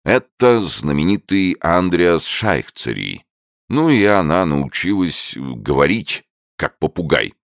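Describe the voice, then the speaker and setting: A man's voice: low-pitched, very animated, slow, vocal fry, no echo, studio quality, pitched above the performer's own voice, heavily acted. A man doing a stern, blustering zoo director. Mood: hesitant. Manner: loud, commanding outbursts. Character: stern, easily startled male zoo director.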